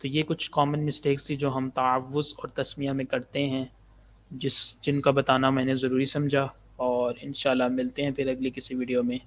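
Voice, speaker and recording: A man gives a recitation lesson in an even, level voice that barely rises or falls. He talks through his points briskly, then slows right down to recite each phrase with careful, drawn-out articulation. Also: medium pitch, slight background noise. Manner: explains quickly, then recites phrases very slowly and deliberately. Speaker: Quran recitation teacher. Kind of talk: pronunciation lesson with slow recitation.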